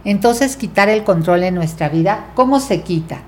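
A middle-aged woman with a Mexican accent explaining ideas in a podcast chat, animated and teacherly. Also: medium pitch, moderate pace. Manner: animated, teacherly, acts out quotes. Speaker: guest teacher. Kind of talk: casual podcast talk.

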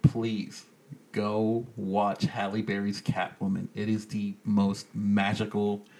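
A man's voice: lowish voice, completely flat delivery, takes it slowly, a little mellow. A man hosting a casual podcast, talking in a crude, joking, rambling way. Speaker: podcast host.

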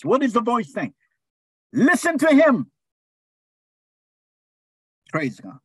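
A man's voice: a little high, slightly rough, dry recording. A man preaching a sermon, calling out phrases for the congregation to repeat and stretching out key words for emphasis. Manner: call-and-response preaching, drawn-out emphatic phrases.

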